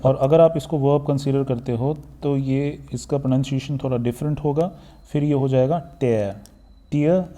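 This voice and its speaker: A man's voice: mid-range voice, dark tone. A man with an Indian accent teaching English pronunciation for exams, mixing Hindi and English and repeating each word several times. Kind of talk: exam-prep pronunciation lesson.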